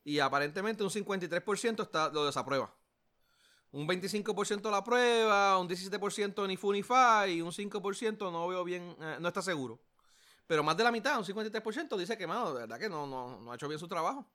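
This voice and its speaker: A man's voice: sits high, lively intonation, quick pace, bright, forceful tone. A man with a Puerto Rican accent co-hosting a casual political chat, slangy and rambling with many restarts. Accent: Puerto Rican Spanish. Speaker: podcast co-host.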